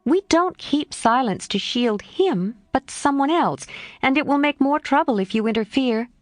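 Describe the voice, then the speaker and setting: A woman reading an audiobook voicing a spirited, tomboyish teenage girl, earnest and lively. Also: high voice, normal speed, no echo, clean studio sound, pitched above the performer's own voice. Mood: pleading.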